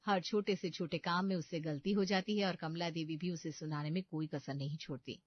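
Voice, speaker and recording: A woman giving scripted storybook narration for a cartoon in an even, plain manner. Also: on the low side, fairly quick, slight background noise. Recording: dull, dry lo-fi voice-over.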